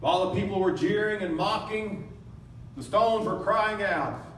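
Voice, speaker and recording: A man's voice: high voice, a little slow, a bit bright, slight background noise. A man preaching a sermon in a dramatic way, acting out voices from the crowd and lamenting. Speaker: pastor. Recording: echoey room, from a distance.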